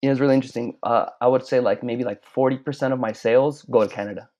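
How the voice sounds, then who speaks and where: A man's voice: mid-range voice, steady tone, fast, darkish tone. A man from Mexico, a podcast guest, talking casually and rambling with many restarts. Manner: rambling, frequent restarts and stammered repeats. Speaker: guest, clothing brand owner. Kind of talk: casual chat. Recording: slightly dull lo-fi sound.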